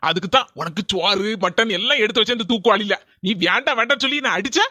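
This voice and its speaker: A woman acts out a self-satisfied middle-aged village husband for a cartoon, talking in a Kanyakumari Tamil accent. He brags with a quick, tinny brightness. The sound is dry and a little distant. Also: medium pitch, no room sound, voice pushed down. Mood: boastful.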